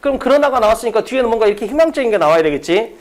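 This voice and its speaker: A man giving a test-prep English lecture in a brisk, emphatic classroom style, often asking a question and answering it himself. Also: very high voice, expressive.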